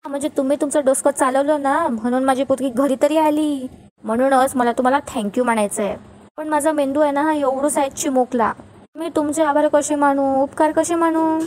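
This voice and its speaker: A woman's voice: high-pitched, fairly even intonation, moderate pace, a little mellow, a little hiss or hum, lightly acted. A woman reading as a drunk, rambling father. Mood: tearful. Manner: slurring, stumbling over words.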